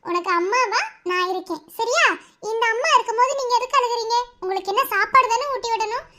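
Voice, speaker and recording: A woman's voice: very high voice, fast, sharp tone. A woman voicing a Tamil cartoon story, talking in a sweet, coaxing, motherly way to children. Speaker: voice of cartoon characters.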